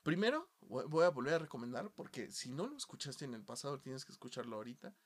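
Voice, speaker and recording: Animated swearing Mexican man. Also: medium pitch, quick pace. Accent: Mexican Spanish. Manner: animated, swearing, jumps from quiet asides to loud outbursts. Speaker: podcast host. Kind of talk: casual podcast chat.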